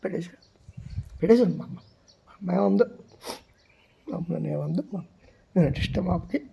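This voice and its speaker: Male devotee, raised gravelly voice, fervent pleading prayer with chanted verses. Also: high-pitched, fairly quick, dull audio, a little hiss or hum. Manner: pleading and fervent, chanting verses, swings between soft murmurs and loud cries.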